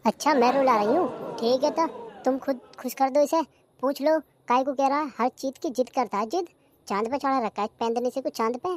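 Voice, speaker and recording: A woman voicing a demanding, sharp-tongued village wife in a cartoon comedy, with a bossy manner. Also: high voice, normal speed, natural voice. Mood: complaining.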